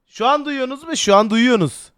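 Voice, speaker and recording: A man casually chatting as a streamer while testing a voice changer that alters his pitch. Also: brisk, a bit bright, clear, resonant tone, no room sound, clean studio sound. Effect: voice-changer filter with shifting pitch. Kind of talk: casual chat.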